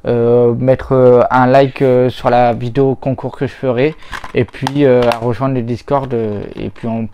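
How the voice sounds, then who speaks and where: A man talking casually about old console games as he tests them, rambling and hesitant, often pausing on little filler words. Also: medium pitch, flat delivery, clear, resonant tone, dull audio. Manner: rambling, hesitant, full of "voilà" and "hop". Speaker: retro gaming YouTuber. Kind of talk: casual chat while testing games.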